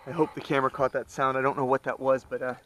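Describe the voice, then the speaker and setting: A man's voice: medium pitch, flat delivery, racing, lightly acted. A man acting a cocky, easygoing outdoorsman in a found-footage film, with a wry, naturalistic delivery. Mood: curious, wary. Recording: faintly noisy outdoor camera audio.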